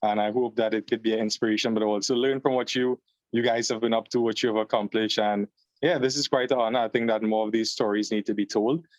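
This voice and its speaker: A young man from Trinidad and Tobago with a Trinidadian accent, a guest on an interview podcast, telling his story in a relaxed way, joining over a video call. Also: fairly low pitch, quick pace, dry recording. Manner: relaxed storyteller, fillers, "long story short". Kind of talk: conversational interview. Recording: slightly dull, dry call audio.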